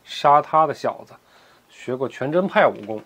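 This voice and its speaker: A man voicing a cold, aloof older male martial master who speaks low and measured. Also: lively intonation, fairly bright tone.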